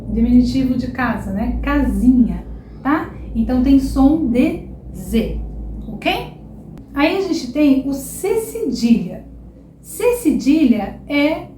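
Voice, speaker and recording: Brazilian woman, language teacher; high, warm voice, patient and repetitive; roomy sound, faint background hiss. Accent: Brazilian Portuguese. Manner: slow, drawn-out repetition of example words; checks in with frequent "tá?" and "ok?". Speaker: Portuguese teacher. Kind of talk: online language lesson.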